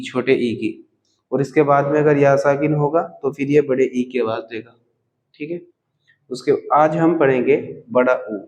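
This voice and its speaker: A man gives a slow, step-by-step lesson on reading a script, patiently stretching out vowel sounds to demonstrate them. He checks in with learners by saying "theek hai" after each point. His medium-pitched voice has a darkish tone, and the recording is rough.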